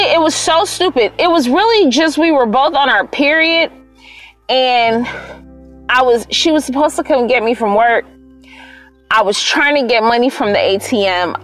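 A young woman, hosting a podcast and telling a personal story in a candid, profane, animated way. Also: on the high side. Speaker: podcast host. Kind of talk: casual storytelling monologue.

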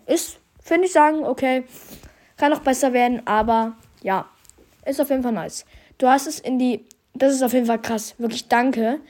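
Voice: medium pitch, a little mellow. A young podcast host with a congested, stuffy nose, chatting casually and reading out statistics in youthful slang. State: slight head cold. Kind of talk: casual year-in-review commentary, reading out statistics.

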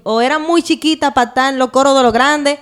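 A young woman, sharing her testimony in a lively, playful way on a casual chat show. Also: high voice, a little fast. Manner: lively storyteller, playful and animated. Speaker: podcast co-host.

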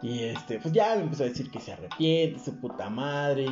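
Un hombre joven con acento mexicano que cuenta una anécdota en una charla informal, con mucha grosería y jerga, imitando las voces de otros. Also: male voice, mid-range voice, animated, moderate pace, a little mellow. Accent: Mexican Spanish. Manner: crude slangy storytelling, acts out quoted voices. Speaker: podcast co-host telling a story. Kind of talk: casual chat. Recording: roomy, dull lo-fi audio with faint music.

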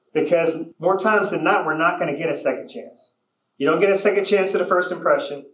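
A man's voice: a little high, a bit bright. A man coaching a group of real estate agents in a training session. He speaks directly and keeps checking in with the room for agreement. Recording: echoey room.

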